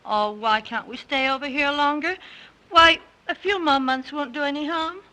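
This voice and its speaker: An actress playing a pampered, willful young bride in a 1930s film, insistent and coaxing. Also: female voice, high-pitched, normal speed, sharp tone, low-quality recording. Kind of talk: early 1930s film acting.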